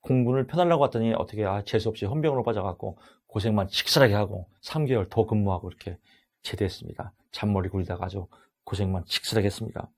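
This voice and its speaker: A middle-aged man giving an exam-prep lecture, loud and animated, acting out little dialogues as he teaches. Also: on the low side, fast talker.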